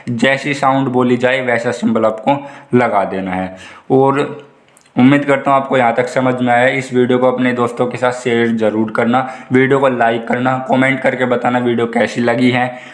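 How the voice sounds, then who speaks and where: A young man tutoring, patiently explaining a lesson on screen and repeating examples slowly. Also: mid-range voice. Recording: echoey room.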